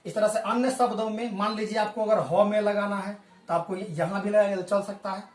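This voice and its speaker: A male teacher giving a spoken language lesson, patiently explaining and slowly repeating example words. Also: high voice, fairly even intonation. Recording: echoey room, voice from a distance.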